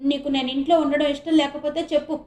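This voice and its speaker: A woman's voice: level tone, fast talker, a little mellow, reverberant, lightly acted. A woman doing a hurt, pleading teenage daughter. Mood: tearful. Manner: high, tearful pleading.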